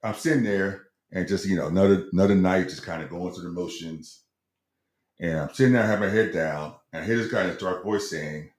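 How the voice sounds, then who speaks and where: A middle-aged man co-hosts a casual sports talk show, hedging and stumbling over repeated words as he tells stories. His voice sits low and is a little mellow, with a roomy echo in the recording.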